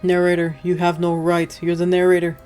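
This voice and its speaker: Young woman gamer, mellow lowish voice, slangy casual lets play chatter, bit of game music. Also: completely flat delivery, brisk. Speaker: gaming video host. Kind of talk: casual let's-play commentary. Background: faint game music.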